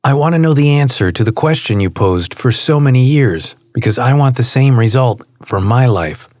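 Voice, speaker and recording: A man's voice: mid-range voice, animated, normal speed, darkish tone, no echo, lightly acted. A man voicing an earnest middle-aged man who asks direct questions.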